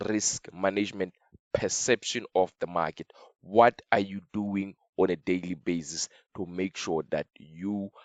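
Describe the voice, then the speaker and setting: Deep-voiced guy walking thru his trades, voice a bit off, dry close mic, keeps repeating himself. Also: no echo. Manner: repetitive, halting, talks while drawing on chart. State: slightly off voice. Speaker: trading signal educator. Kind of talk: screen-share trading lesson.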